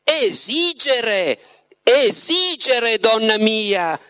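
A man reading aloud as Voland, a slow, sly devil. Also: high voice, sing-song, sharp tone, clean tone, voice pushed up, full character voice. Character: suave, mocking devil, male, ancient, all-powerful.

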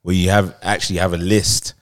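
A man co-hosting a casual chat in slangy, halting speech with emphatic repetition. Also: low-pitched, little pitch movement. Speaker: talk show co-host.

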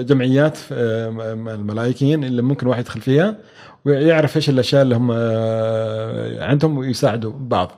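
A man from Oman, a venture capital expert appearing as a guest, gives conversational interview answers. He talks fast in a mellow, medium-pitched voice, hesitating often, using many fillers and restarting his sentences.

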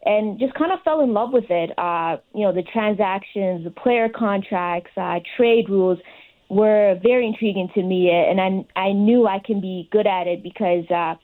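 A young adult woman taking part in a sports fellowship answers conversationally as an interview guest. Her mid-range voice moves at normal speed, and the audio is narrow and tinny.

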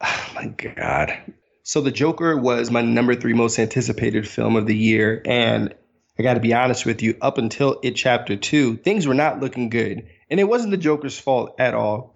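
A man's voice: medium pitch, vocal fry, highs cut off. A man co-hosting a film review podcast, talking in an enthusiastic, rambling way and laughing easily. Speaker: podcast co-host.

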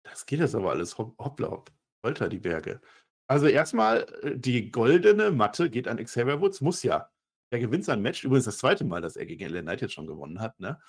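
A man co-hosting a wrestling review podcast in casual chat, animated and sarcastic. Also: brisk, breathy edge. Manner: animated, sarcastic, jumps to high pitch when excited.

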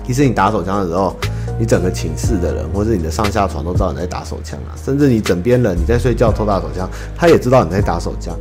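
A man's voice: low voice, quick pace, over music. A man with a Taiwanese Mandarin accent hosts a casual podcast, answering listener letters as a rambling, self-mocking storyteller. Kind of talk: casual chat.

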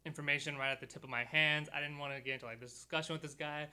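Young man, podcast host, bright tone, clear crisp voice, casual storytelling, studio. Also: a little high, racing. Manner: relaxed storytelling with many fillers.

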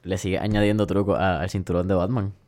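A man's voice: deep voice, steady tone, quick pace, a little mellow. A man hosting a casual interview, friendly and reflective, with local slang. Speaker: interviewer, host.

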